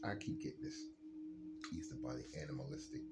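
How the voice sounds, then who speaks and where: A man's voice: rumbling low, wildly swooping pitch, quick pace, noisy background. A man doing a late-night solo card reading, rambling and laughing often as he drawls through his thoughts. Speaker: card reader.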